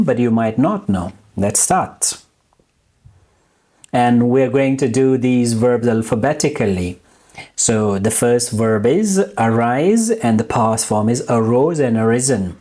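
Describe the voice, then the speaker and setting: A man's voice: medium pitch, dark tone. A man teaching a lesson, reading verb lists and repeating the forms, with rising stress on the last word of each set. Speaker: English teacher. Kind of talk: slow vocabulary lesson.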